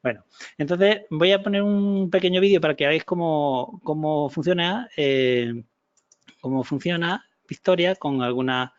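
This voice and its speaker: A man's voice: a little high, unhurried, muffled recording. A man presenting a project in a webinar, explaining with many fillers and restarts.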